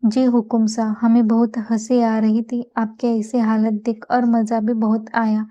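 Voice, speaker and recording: A woman's voice: a little high, monotone, a little slow, warm tone, lo-fi sound, lightly acted. A woman reading a playful young royal bride. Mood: teasing.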